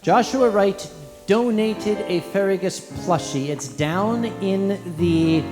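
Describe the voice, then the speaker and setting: A man's voice: sits high, slow. Theatrical man hosting in a hall. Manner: theatrical, grandiose showman delivery. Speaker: panel host. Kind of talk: live convention stage banter. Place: convention hall stage. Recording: reverberant hall with music behind.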